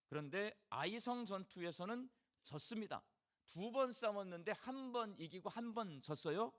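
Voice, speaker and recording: A man's voice: sits high, fairly bright tone. A middle-aged male pastor with a Jeolla Korean accent, preaching a sermon in a folksy way and putting questions to the congregation. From Jeolla region of Korea.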